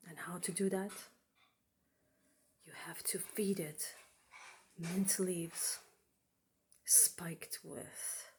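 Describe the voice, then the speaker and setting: A woman voicing an ancient male spirit giving an urgent mission, whispering and then speaking loudly. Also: fairly low pitch, steady tone, very slow, pauses often. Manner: urgent, alternately whispered and loud.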